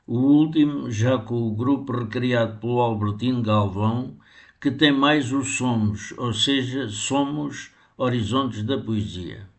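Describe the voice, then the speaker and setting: Older male poet, very slow, measured interview answers. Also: medium pitch. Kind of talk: read-aloud interview answers.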